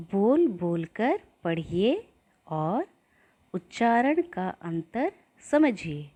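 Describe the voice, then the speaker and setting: A woman teaching young children, chanting rhymes and sounding out syllables in a slow sing-song way so they can repeat after her. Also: medium pitch, mellow. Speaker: primary school teacher.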